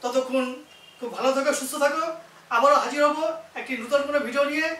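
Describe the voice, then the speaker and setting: Bright-voiced male English teacher. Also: extremely high pitch, steady tone, fast. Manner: spells words out letter by letter, explains patiently. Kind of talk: vocabulary lesson for learners. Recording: echoey room, voice from a distance.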